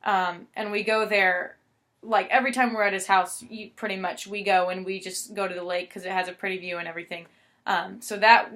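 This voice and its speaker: A woman's voice: mid-range voice, fairly bright tone. A young woman casually telling a story, chatty, with fillers and quoted dialogue.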